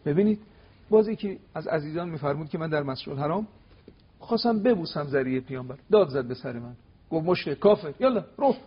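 Husky man preaching with emphatic storytelling. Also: expressive, lo-fi sound. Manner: emphatic, acts out quoted dialogue with rising pitch. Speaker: cleric guest on religious TV talk. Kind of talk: animated religious lecture with storytelling.

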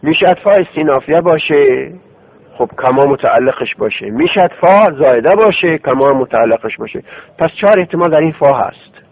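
A man's voice: fairly high pitch, animated. A man teaching Arabic grammar in a classroom lesson. He explains step by step and repeats words in drills. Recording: tinny phone-like radio recording.

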